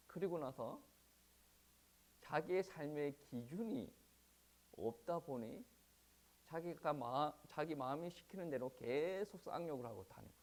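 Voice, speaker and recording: A male pastor preaches in a Gyeongsang Korean accent at a church service, with rhetorical questions to the congregation and "eo" fillers in his pauses. The voice is medium-pitched with vocal fry and a darkish tone, plus a little hiss or hum.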